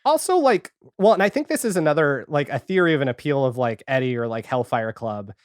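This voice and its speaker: A man with a mid-range voice talks animatedly and fairly quickly as a podcast guest, an audio fiction creator and editor. In this casual chat he tells rambling stories, often acting out his own remarks as quotes. The studio-quality recording has no room sound.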